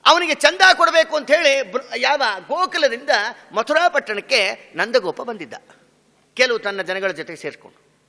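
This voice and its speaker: A man's voice: very high voice, animated, moderate pace, bright, forceful tone, long reverb tail. A man giving a devotional discourse as a swami, telling a story by asking questions and answering them, and breaking into song. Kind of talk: devotional discourse with sung verses.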